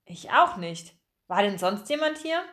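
A woman's voice: medium pitch, very animated, unhurried, a bit bright. A woman voicing a stern, firm old woman who owns a shop. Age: older.

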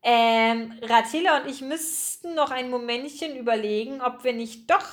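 A woman voicing a female rat who coos and purrs softly. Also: on the high side, moderate pace, close to an everyday voice. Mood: cooing. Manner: purring, soft. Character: female rat, cooing and homey.

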